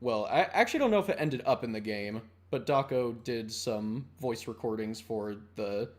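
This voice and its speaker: A man's voice: medium pitch, animated, normal speed. A man on a group call casually explaining a studio decision, with lots of fillers. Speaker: animation studio team member.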